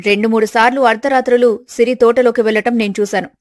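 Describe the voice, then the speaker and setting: A woman voicing a scheming, arrogant elder daughter-in-law in an animated story, talking in an accusing, self-righteous way. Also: fairly high pitch, quick pace, close to an everyday voice.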